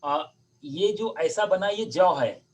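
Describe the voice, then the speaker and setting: A man's voice: sits high, sing-song, gravelly, a little hiss or hum. A man teaching Sanskrit pronunciation on a video call, patiently drawing out each sound. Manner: patient, explains sounds by drawing them out slowly. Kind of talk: online Sanskrit pronunciation lesson.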